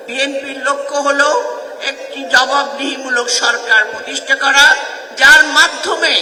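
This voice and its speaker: A woman giving a forceful, repetitive political speech at a rally. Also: high voice. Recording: echoey hall, mic far off.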